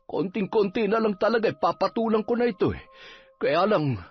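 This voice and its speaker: A man voicing a grumbling, teasing middle-aged village folk healer, gruff and nagging with comic moments. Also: high-pitched, expressive, moderate pace, voice pushed up. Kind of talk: Filipino audio drama acting. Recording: dull lo-fi with faint music.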